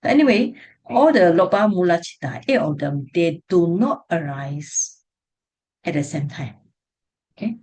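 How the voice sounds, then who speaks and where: Singlish-speaking woman teacher, lowish voice. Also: lively intonation, a little slow, darkish tone, husky. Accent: Singaporean or Malaysian English. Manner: colloquial Singlish phrasing with tag words like "ah". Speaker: teacher leading an online Buddhist class. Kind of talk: explanatory lesson with checks on students. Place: online video call class.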